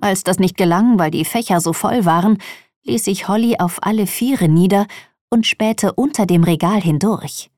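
A woman narrating a children's audiobook in an expressive reading voice. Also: mid-range voice, normal speed, no echo, clean studio sound.

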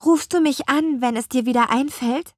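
A woman voicing an eager, earnest young apple witch girl in an audiobook, with a bright, pleading delivery. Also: high voice, moderate pace, no room sound, clean studio sound, voice pushed up. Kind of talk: audiobook character voice.

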